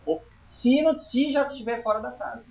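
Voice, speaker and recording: A man's voice: extremely high pitch, brisk, vocal fry, distant mic, slight background noise. A man teaching a spiritualist study group in an informal lecture, chatty and emphatic, often checking in with his listeners. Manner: chatty, emphatic, tags lines with "tá?". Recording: roomy, dull lo-fi room recording.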